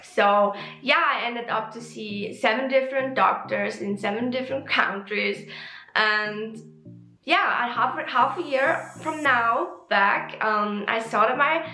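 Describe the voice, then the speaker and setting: A young woman with a Swiss German accent talks openly in a casual vlog, often pausing on ums and correcting herself as she goes. Her voice is bright and sits a little high. The room sounds echoey, and faint music plays underneath. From Switzerland. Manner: chatty and open, with frequent ums and self-corrections. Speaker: vlogger.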